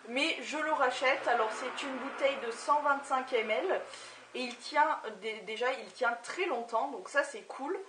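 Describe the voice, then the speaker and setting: A woman's voice: sits high, moderate pace, sharp tone, recorded from a distance, a little hiss or hum. Hesitant young woman in an echoey room. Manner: hesitant, many filler sounds. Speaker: beauty vlogger. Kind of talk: casual product review vlog.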